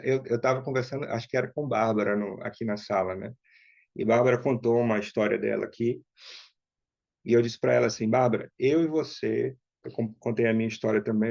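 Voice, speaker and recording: A man teaching an online workshop in a casual, conversational way, often checking in with quick tag questions. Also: mid-range voice, darkish tone, no room sound. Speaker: workshop instructor. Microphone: online call mic. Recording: dull, dry lo-fi sound.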